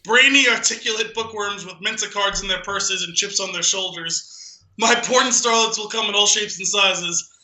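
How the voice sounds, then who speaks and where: The voice is a man's, high and bright with a pushed edge, at a moderate pace. As a podcast co-host he's amused, often laughing while giving a dramatic poem reading amid casual talk. Poor audio, echoey room.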